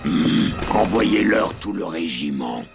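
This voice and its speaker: An actor playing a menacing villain boss in a cartoon, with a deep, gravelly, commanding voice. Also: male voice, expressive, slow, heavily acted. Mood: menacing, scornful. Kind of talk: French cartoon villain voice acting. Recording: loud music under the voice.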